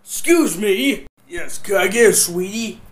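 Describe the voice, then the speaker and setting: A man ordering at a drive-through, calmly insisting on his order. His pitch rises and falls a lot, and he takes his time. He sounds patient, with a repeating, insistent push. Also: a little slow. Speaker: customer. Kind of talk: comedy skit.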